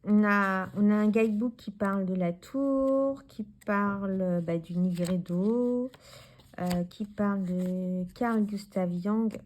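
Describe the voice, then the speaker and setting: A woman's voice: mid-range voice, takes it slowly, a little mellow. Chatty French woman reviewing tarot decks. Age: 40s. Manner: chatty, rambling, many fillers and restarts; talks to the viewer directly, handling cards. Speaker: tarot YouTuber. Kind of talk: casual deck review vlog.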